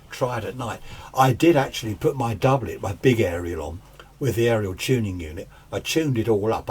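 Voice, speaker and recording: Recorded on a camera's built-in microphone, with hiss, background noise and faint radio static, a middle-aged radio hobbyist narrates a demonstration in his home radio shack. He has a fairly low, darkish, slightly rough voice. His commentary is casual, chatty and self-deprecating as he works hands-on, acting as host.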